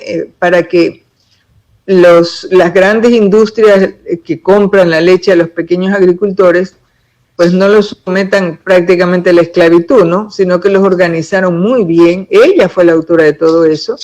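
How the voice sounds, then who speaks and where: A woman's voice: mid-range voice, normal speed, a little mellow, low-quality recording. A woman, a political pre-candidate answering interview questions in long, emphatic explanations.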